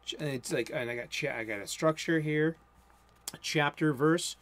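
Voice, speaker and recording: In a cluttered room at home, the host, a man in his forties with a Boston accent, talks through a casual sermon at a moderate pace. His voice leans high. He rambles and interrupts himself, mumbling and hurrying whenever he gets excited.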